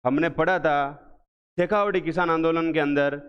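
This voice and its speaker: A man's voice: a little high, fairly even intonation, smooth. Male teacher drilling exam facts. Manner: drills students with repeated questions, slow emphatic answers. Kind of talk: exam revision lecture. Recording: echoey hall, dull lo-fi sound.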